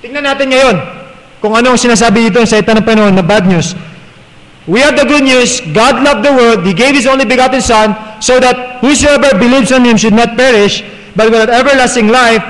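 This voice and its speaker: A man's voice: very high voice, fairly quick, a bit bright. A man with a Filipino accent preaching a sermon as pastor, mixing Tagalog and English and often asking the congregation "right?". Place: church sanctuary. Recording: long reverb in a church hall.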